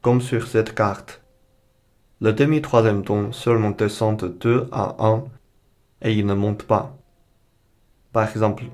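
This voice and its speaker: Male language teacher, low voice, very slow and deliberate, patient beginner lesson. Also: darkish tone. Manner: slow, careful explanation with modeled pronunciation.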